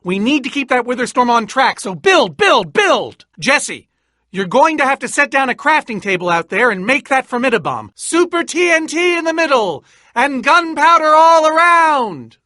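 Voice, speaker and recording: In this video game voice-acting clip, a male actor gives a full character voice to an eccentric, boastful, nervous inventor and adventurer. His very high voice swoops animatedly at normal speed, commanding yet jittery, wordy and theatrical, often trailing into hesitant asides. The sound is close and dry, with no echo.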